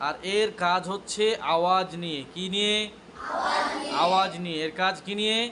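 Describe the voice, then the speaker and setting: A man with a high, bright voice teaches a class, firing short questions and answering them himself. He drills each point several times and spells out letter names slowly, one by one. The recording is made in a classroom, with clear background noise under his voice. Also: fairly even intonation. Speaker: Quran recitation teacher. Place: classroom with students present.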